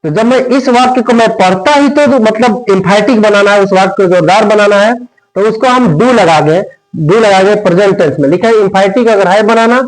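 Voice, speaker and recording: A man's voice: high-pitched, rough recording. A man with an Indian accent teaching English grammar to students. He recites a teaching rhyme line by line and dictates it word by word. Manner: slow, drawn-out dictation of lines, word by word.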